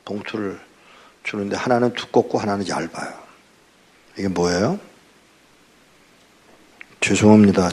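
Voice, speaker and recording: An older male pastor giving a testimony sermon, telling his story in an animated way and acting out the dialogue. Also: medium pitch, husky.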